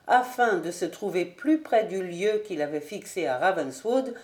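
A woman narrating a classic novel as an audiobook reader, steady and even. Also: fairly low pitch, a little slow, roomy sound.

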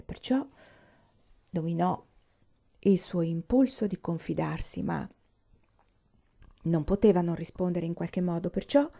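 A woman reading a novel aloud in a measured, calm narrating voice. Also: on the low side. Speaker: audiobook reader. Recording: dull lo-fi recording.

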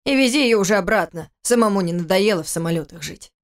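A woman doing a brisk older father. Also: mid-range voice, animated, natural voice. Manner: brisk, businesslike.

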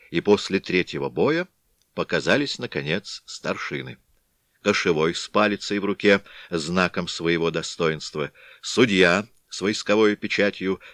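A man narrating a classic story in a scripted, expressive storytelling manner. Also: sits low, no room sound, studio quality. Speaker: audiobook narrator.

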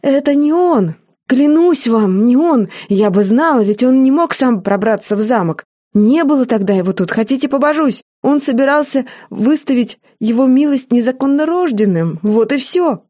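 A woman's voice: high-pitched, animated, moderate pace, dark tone, voice pushed up. A woman voicing a frightened young maid who pleads in a shaky, breathless way. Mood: pleading.

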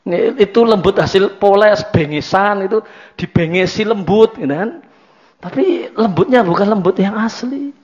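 A male Islamic teacher gives a religious study lecture in a chatty, conversational and repetitive way, sprinkling in Javanese words. His voice is high, a little mellow, at a moderate pace. The lecture recording is dull and lo-fi.

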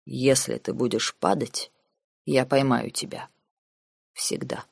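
A woman reading the lines of a cold, calculating noble uncle in an audiobook, measured and sarcastic. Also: a bass voice, steady tone, vocal fry, breathy edge, no echo, studio quality, voice pushed down, exaggerated voice. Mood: cold, lecturing. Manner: measured, lazy, coldly sarcastic.

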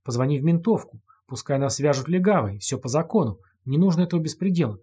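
A man's voice: fairly high pitch, expressive, quick pace, warm tone, breathy edge. A man reading an audiobook, voicing a terrified convict who babbles and begs for his life. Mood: pleading. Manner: begging, babbling. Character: terrified pleading male convict.

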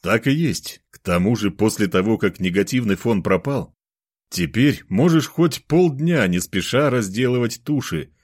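A man's voice: lowish voice, expressive, moderate pace, darkish tone, no echo, clean studio sound. A man voicing a confident middle-aged man who sounds satisfied and matter-of-fact, in an audiobook. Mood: pleased.

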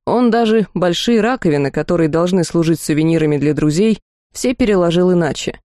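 Mellow-voiced woman reading a fantasy novel. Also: lowish voice, a little fast, dry recording, studio quality. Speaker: audiobook narrator. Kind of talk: first-person fantasy narration.

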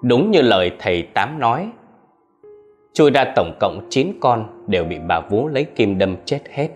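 A man narrating a horror story in an expressive storytelling manner, with soft music underneath. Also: medium pitch, a little slow.

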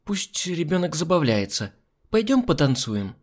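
A man's voice: a little high, big pitch swings, a little slow, pitched above the performer's own voice. A man doing a snappish scheming young woman. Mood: sharp, coaxing. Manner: sharp, snappish, falsely sweet.

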